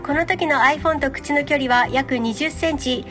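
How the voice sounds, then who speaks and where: A woman's voice: high voice, normal speed, a bit bright. A woman narrating a scripted video as its host, in a polite, explanatory presenter style. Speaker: host of a free-diving and mermaid swimming channel. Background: background music.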